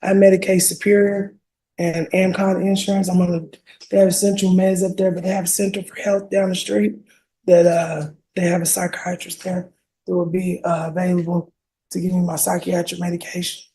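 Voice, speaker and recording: A woman with a hoarse, sore throat, answering as a defendant in court, halting and stumbling over her words with many fillers. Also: lowish voice, flat delivery, warm tone, a little hiss or hum, rough recording. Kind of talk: courtroom testimony.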